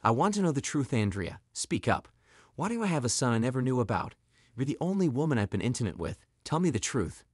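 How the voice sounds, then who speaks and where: A man's voice: mid-range voice, very animated, fairly quick, slightly rough, dry recording, clean studio sound. A man playing a blunt, wronged single father. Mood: stern, hurt. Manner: blunt, firm.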